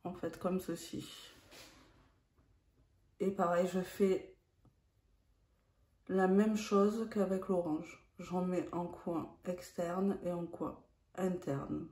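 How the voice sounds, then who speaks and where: Slow, mellow-voiced woman explaining makeup. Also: fairly low pitch, echoey room. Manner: calm step-by-step explaining. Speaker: beauty vlogger. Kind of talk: makeup tutorial narration.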